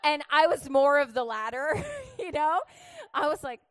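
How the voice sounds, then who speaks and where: Brief: female youth pastor, high voice, chatty comic testimony, laughs a lot, dry close sound. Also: measured pace, no room sound. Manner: chatty and animated, laughing often. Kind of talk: humorous testimony sermon.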